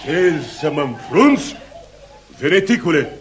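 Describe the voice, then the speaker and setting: A man's voice: on the high side, sing-song, a bit bright, a little hiss or hum. An actor playing an arrogant, feared male bear who insults and boasts. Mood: boastful. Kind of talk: radio play acting.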